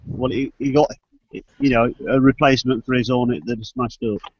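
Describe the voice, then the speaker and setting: A man hosting a casual group chat over a video call, jokey and quick to laugh. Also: medium pitch, steady tone, slightly rough, no echo. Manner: laughs often, loose and jokey. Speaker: show host. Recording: dull lo-fi call audio.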